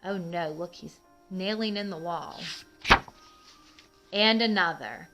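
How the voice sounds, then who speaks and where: Over loud background music, a woman with a lowish voice speaks a little slowly while hosting a children's read-aloud. She tells the picture book story with emphatic, expressive reading, asking her young listeners questions and explaining things in simple terms.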